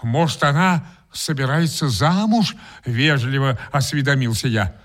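A man's voice: medium pitch, measured pace, a bit bright. A man narrating a story in the first person and voicing the hero, in a dry, ironic, composed way. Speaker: narrator and main character. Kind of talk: acted radio reading.

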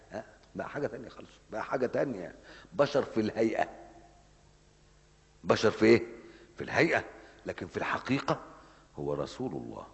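A man preaching a Ramadan mosque lesson in an Egyptian Arabic accent, animated and scolding, asking rhetorical questions and answering them himself. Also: sits low, vocal fry, in a large hall.

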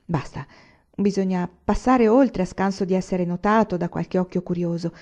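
Mellow-voiced woman reading a novel. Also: fairly low pitch. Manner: measured, expressive reading. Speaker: audiobook reader. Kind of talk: literary audiobook narration.

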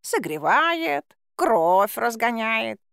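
A woman's voice: on the high side, sing-song, extremely slow, vocal fry, fairly bright tone, clear, resonant tone, no echo, studio quality, voice pushed up, full character voice. A woman voicing a smug, lazy, fat male talking cat in an audiobook, drawing out his words in a self-satisfied way.

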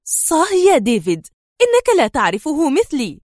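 A woman voicing a scheming female enemy agent in an audiobook, speaking in a sharp, mocking, defiant way. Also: on the high side, sing-song, normal speed, dry recording, clean studio sound. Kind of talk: audiobook character voice.

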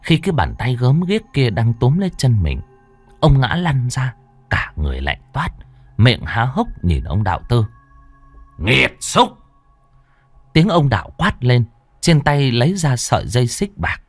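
Expressive male horror storyteller. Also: mid-range voice, moderate pace, slightly rough, soft background music. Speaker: narrator. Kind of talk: storytelling narration of a horror tale.

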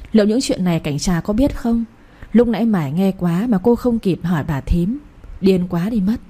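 A woman reads a romance novel aloud in steady, dramatic scripted narration. Her voice is mellow and a little husky. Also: medium pitch. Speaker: audiobook narrator.

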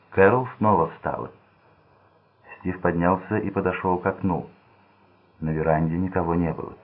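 A man narrating a thriller audiobook in a steady, measured reading voice. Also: low-pitched. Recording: tinny phone-like sound.

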